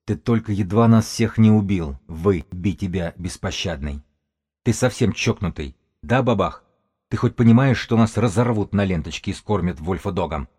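A man voicing a small, wiry, sharp-minded male runner who argues insistently and cuttingly. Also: low voice, moderate pace. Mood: angry.

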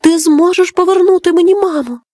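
A woman's voice: very high-pitched, steady tone, brisk, mellow, no room sound, studio quality, voice pushed up. A woman voicing a small boy who misses his mother, speaking in an eager, wistful, childlike way in a storybook.

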